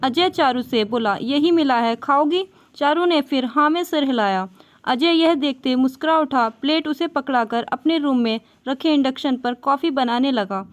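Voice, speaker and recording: A woman reading a scripted moral story in a gentle, even storytelling manner. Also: high-pitched, normal speed.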